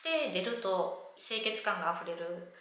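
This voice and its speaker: Woman vlogger, Kansai accent, animated storyteller who acts out her story, clear bright tone, heavy room echo. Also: mid-range voice, unhurried, a little hiss or hum. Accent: Kansai Japanese. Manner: lively retelling that acts out the people in her story. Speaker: vlogger living abroad. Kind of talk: casual storytelling to camera. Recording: very echoey room.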